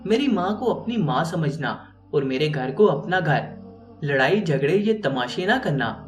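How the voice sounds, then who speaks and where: A man's voice: on the high side, expressive, a little slow. A man voicing a curt, demanding husband who gives orders. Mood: bossy. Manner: bossy, commanding. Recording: roomy, distant mic, faint music.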